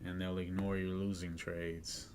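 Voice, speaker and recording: Slow, laid-back slangy trading streamer man. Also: deep voice, flat delivery, darkish tone, slight background noise. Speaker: day trading livestream host. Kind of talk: casual live-stream chat.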